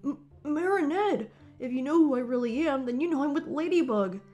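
A woman's voice: high voice, lively intonation, a little fast, darkish tone, faint music behind. Woman voicing Chat Noir, an earnest teenage boy hero. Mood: confused. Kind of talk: fan comic dub acting.

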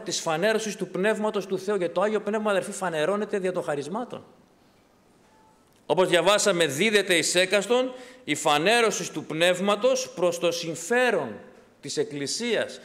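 In a church hall whose long reverb carries every word, a pastor delivers a fervent sermon, putting questions to the congregation and then answering them. His voice is strikingly high and fairly bright in tone.

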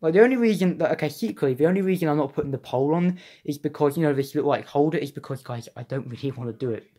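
Excitable young man reviewing toys. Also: on the high side, racing, breathy edge. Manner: chatty, excitable, rambling with restarts. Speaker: toy reviewer. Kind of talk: casual unboxing vlog.

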